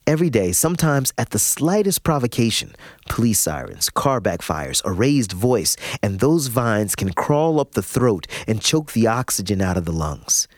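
A man narrating a personal story in the first person, reflective and expressive with dramatic pauses. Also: lowish voice, no echo, studio quality. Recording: music bed under the voice.

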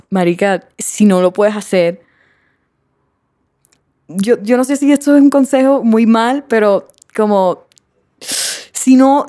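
A young woman with a Colombian accent, a podcast guest chatting casually and telling stories, acting out other people's lines in higher voices. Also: dry recording, studio quality. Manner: animated, acts out quotes in higher voices, laughs often. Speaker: podcast guest, emerging artist. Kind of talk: casual chat, storytelling.

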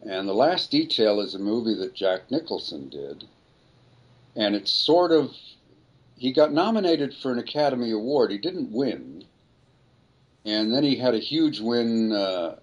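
Older man telling a rambling story. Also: fairly low pitch. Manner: relaxed, rambling storyteller with restarts. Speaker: voice actor guest. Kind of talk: anecdotal storytelling.

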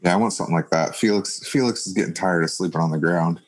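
A man's voice: low voice, quick pace, rough recording. A man playing a tabletop game, talking casually with many fillers. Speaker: player.

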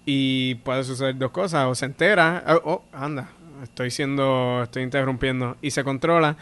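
A man's voice: medium pitch, fairly even intonation, moderate pace, fairly bright tone, clear, resonant tone. A man with a Puerto Rican accent, a stand-up comedian chatting casually as a guest and animatedly acting out the voices in his stories. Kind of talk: casual podcast chat.

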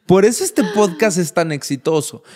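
A man co-hosting a podcast, telling an animated story in casual chat and mixing in English words. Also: high voice, moderate pace. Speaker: podcast co-host.

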